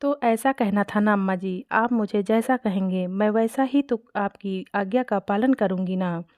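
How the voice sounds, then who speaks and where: A woman's voice: medium pitch, a little slow, a little mellow, no echo, studio quality, natural voice. A woman voicing a naive, well-meaning young daughter-in-law in a read-aloud family story. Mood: innocent. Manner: innocent, literal-minded. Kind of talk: storybook character reading.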